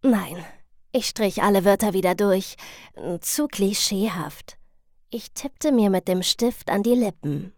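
A woman narrating a story in the first person, in a lively, wry storytelling manner. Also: medium pitch, moderate pace, few pauses, no echo, studio quality. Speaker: audiobook narrator.

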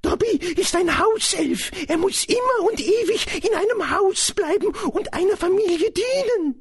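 House-elf, storybook reading, squeaky falsetto, very high, servile, anxious. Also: male voice, expressive, normal speed, a little hiss or hum. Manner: servile, frantic, calls everyone sir. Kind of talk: audiobook reading.

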